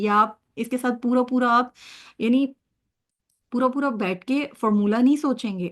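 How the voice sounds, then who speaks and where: A woman teaching Arabic grammar, drilling word pairs and checking her students' understanding as she goes. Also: mid-range voice. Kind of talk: online grammar lesson.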